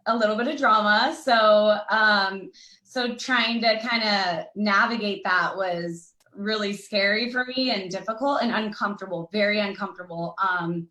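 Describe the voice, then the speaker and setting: A woman's voice: medium pitch, moderate pace, sharp tone, echoey room, rough recording. A woman speaking on an online recovery panel, chatty and rambling with lots of fillers. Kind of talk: casual panel conversation.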